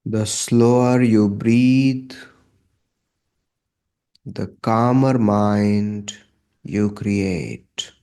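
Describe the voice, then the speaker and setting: Calm and measured, a lowish-voiced man guides listeners through meditation, letting long pauses fall between brief phrases.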